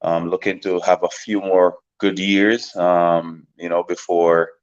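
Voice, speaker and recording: A Jamaican professional soccer player in his thirties, appearing as a guest in a casual interview, tells his story in a relaxed, rambling way full of fillers and repeated words. His very low voice is a little slow with a clean tone, and the recording sounds slightly dull and lo-fi.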